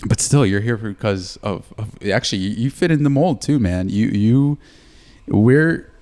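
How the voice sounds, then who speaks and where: A young man, hosting a podcast in relaxed, casual chat. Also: on the low side, normal speed. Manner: relaxed, chatty, with fillers. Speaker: podcast host.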